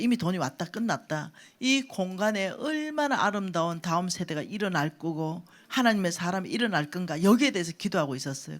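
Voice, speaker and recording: A woman church elder, preaching a storytelling sermon, acting out her own thoughts and laughing as she tells the stories. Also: fairly low pitch. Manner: animated, acts out her own quoted thoughts; laughs while telling stories.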